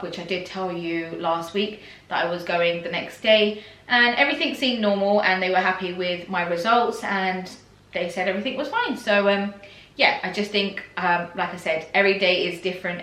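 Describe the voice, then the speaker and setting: A young woman talks casually to her viewers in a pregnancy vlog, rambling along with fillers and little laughs. Her voice is bright and clear. The room around her sounds echoey and bare. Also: medium pitch. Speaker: pregnancy vlogger. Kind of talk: casual vlog chat to camera.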